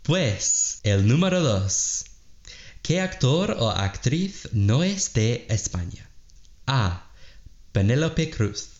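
A man's voice: mid-range voice, very animated, drawn-out words, a little mellow, dull audio. A man co-hosting a podcast quiz, answering tentatively and thinking aloud before each guess. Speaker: podcast co-host and quiz contestant. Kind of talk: slow, careful quiz chat.

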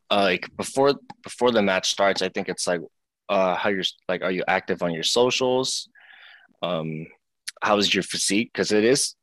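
A young man from Seattle talks in a very low voice, relaxed and chatty, tripping over little fillers and restarts as he answers interview questions. The sound is dry and close, with no room around it. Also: dry recording. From Seattle, United States. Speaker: professional wrestler, guest. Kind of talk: casual interview talk.

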